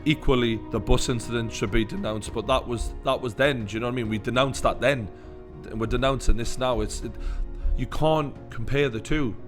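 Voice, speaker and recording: A man's voice: medium pitch, brisk, music in the background. Blunt, sweary Newcastle man. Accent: Newcastle Geordie. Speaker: YouTube fight commentator. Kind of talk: opinionated reaction commentary.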